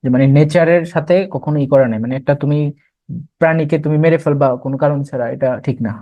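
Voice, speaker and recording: A man's voice: a little high, steady tone, quick pace, highs cut off. A young man teaching an admission test revision class, explaining terms and quizzing students as he goes.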